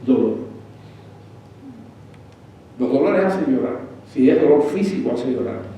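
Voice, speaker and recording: A male pastor delivering a sermon, asking the congregation questions and swinging between loud passages and hushed ones. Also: mid-range voice, lively intonation, measured pace, slight background noise. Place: church sanctuary. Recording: echoey room, voice from a distance.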